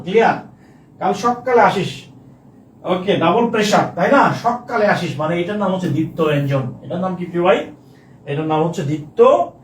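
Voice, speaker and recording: High male voice, Bangla teacher repeating words for students, roomy distant mic. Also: slight background noise. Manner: repeats words, drills students, recites romantic verse. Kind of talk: online class lecture.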